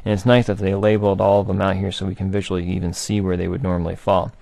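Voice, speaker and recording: A man's voice: low-pitched, little pitch movement, quick pace, vocal fry, a little mellow, no room sound. A man teaching a music rhythm lesson, patiently asking and answering his own questions and chanting rhythm syllables.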